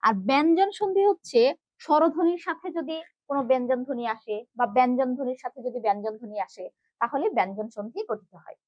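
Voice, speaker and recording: High-voiced woman teaching a grammar class. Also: quick pace, no echo, dull audio. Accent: Bangladeshi Bengali. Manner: explains step by step, often checks with "ঠিক আছে?". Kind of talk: online class lecture.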